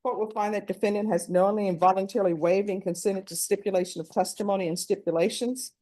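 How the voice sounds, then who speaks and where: A woman judge on a courtroom recording, reading formal questions one after another in a brisk, practiced way. Her voice is mellow and on the dark side, pitched in the middle for a woman. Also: steady tone. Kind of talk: formal plea admonishments.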